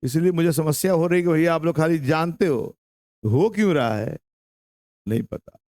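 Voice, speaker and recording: A man's voice: a little high, moderate pace, a little mellow, no room sound. A young man with a Bihari Hindi accent teaching an English grammar lesson to a class, drawing out his words and repeating questions and answers.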